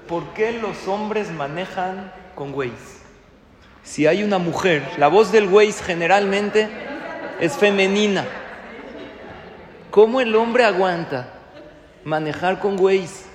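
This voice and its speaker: Rabbi guy giving a sermon, kinda high voice, lots of rhetorical questions and jokes, super roomy echo. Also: slow pace, pauses often, a crowd in the background. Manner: animated, asks the audience rhetorical questions, jokes. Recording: echoey hall.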